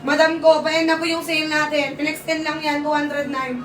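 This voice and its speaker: A young Filipino woman hosting a live-selling stream, talking loud and near-shouting, urgent and repetitive as her voice gives out. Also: sits high, little pitch movement, moderate pace, far from the mic, background noise. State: losing her voice. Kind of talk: fast live-selling sales pitch. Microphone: phone. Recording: echoey room, off-mic, faint ambience.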